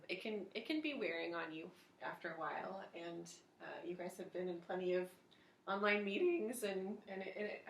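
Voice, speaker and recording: A woman's voice: on the low side, vocal fry, fairly bright tone, roomy sound, a little hiss or hum. A woman sharing her evening prayer reflection in a casual, hesitant way at home, with many fillers and restarts. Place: home at night.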